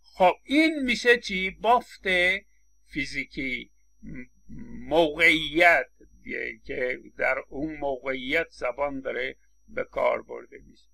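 Gravelly, bright-voiced male lecturer. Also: on the high side, animated. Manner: explains with examples and acted-out quotes, frequent stammered restarts. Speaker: linguistics lecturer. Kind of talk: recorded university lecture.

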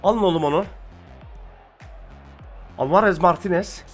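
Excitable man calling a football match. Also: sits high, measured pace, faint music behind. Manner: shouts encouragement at his players, calls play-by-play. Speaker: gaming streamer. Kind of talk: excited football game commentary.

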